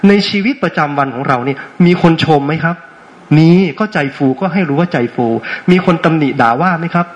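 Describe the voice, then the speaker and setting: A man's voice: fairly high pitch, a little fast, lo-fi sound. A man giving an interactive dharma talk as a meditation teacher, playful and often checking in with questions. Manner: asks frequent rhetorical check questions; playful, teasing with audience.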